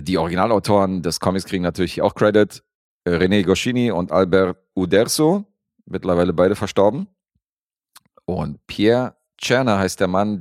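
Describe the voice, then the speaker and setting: A man co-hosting a podcast, reviewing a film in a relaxed, rambling way with lots of fillers. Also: deep voice, no room sound, clean studio sound. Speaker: podcast co-host reviewing films. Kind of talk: casual chat.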